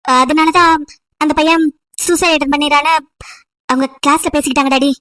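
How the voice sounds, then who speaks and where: A woman's voice: sits high, fairly even intonation, brisk, sharp tone, no echo, studio quality, voice pushed down. A woman playing a caring young friend. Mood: hesitant. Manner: soothing, reassuring, earnest. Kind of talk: amateur audio drama.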